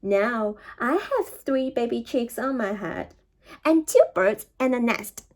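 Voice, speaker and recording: A woman's voice: a little high, animated, takes it slowly, slight background noise. A woman voicing an anxious, exasperated elephant from a children's storybook, full of incredulous questions.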